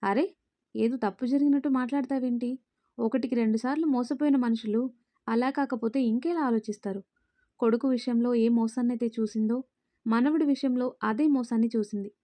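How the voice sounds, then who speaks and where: A woman's voice: a little high, fairly quick, mellow, no room sound, natural voice. A woman voicing a young man, a stern boss who scolds in a commanding way in a spoken storybook.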